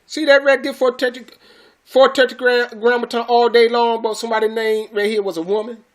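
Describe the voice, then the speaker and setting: A man's voice: very high voice, level tone, a little fast. A man teaching scripture to his followers in an emphatic, preachy way, repeating phrases and calling listeners brothers and sisters. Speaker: religious teacher.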